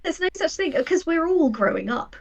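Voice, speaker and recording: A woman in her thirties, a guest who writes audio drama and fiction, chats casually in an interview about her creative work, posing rhetorical questions. Her voice is very high and expressive at a moderate pace, and the recording sounds muffled.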